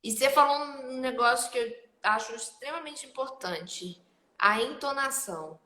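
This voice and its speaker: Host, woman, high-pitched, lively and direct with listeners; echoey room sound. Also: normal speed. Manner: animated, addresses mothers directly. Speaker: otolaryngologist host. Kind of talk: live-stream talk. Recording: roomy echo.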